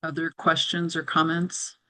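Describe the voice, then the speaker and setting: A woman with a bright, clear-edged voice chairs a formal online meeting. She explains procedure and options in careful, official wording, moderating as she goes. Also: low-pitched, completely flat delivery, unhurried.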